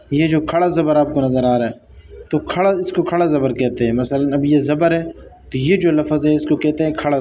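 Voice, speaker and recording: A man teaching a Quran recitation lesson, patiently repeating each sound and stretching out the recited words to demonstrate them. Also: on the high side. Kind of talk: tajweed lesson, explaining and reciting. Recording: dull lo-fi sound with faint background noise.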